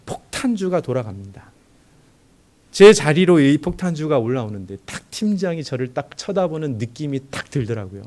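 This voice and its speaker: A young man, a junior pastor, preaching in a church and telling his own story, acting out the dialogue as he goes. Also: fairly high pitch. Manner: animated storyteller who acts out dialogue. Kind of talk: sermon with personal testimony.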